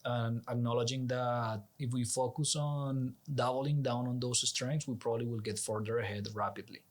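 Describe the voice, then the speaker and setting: Here an executive director from Colombia talks as an interview guest, his Colombian accent marking him as a native Spanish speaker. The mid-range voice stays fairly even in intonation at a moderate pace, and his explanation is conversational, earnest, and persuasive.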